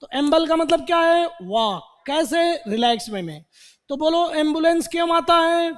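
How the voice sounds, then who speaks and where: A man's voice: very high-pitched, animated, normal speed. A man teaching vocabulary to a class, repeating words and quizzing students with questions. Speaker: English teacher. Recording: long hall reverb.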